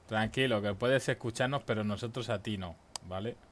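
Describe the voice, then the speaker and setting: A man's voice: on the low side, normal speed. A young man with an accent from Spain, chatting and reacting as a panicky, foul-mouthed gamer streaming a horror game. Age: young adult. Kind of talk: casual gaming chat with shouted reactions. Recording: game noise behind the voice. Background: horror game sounds.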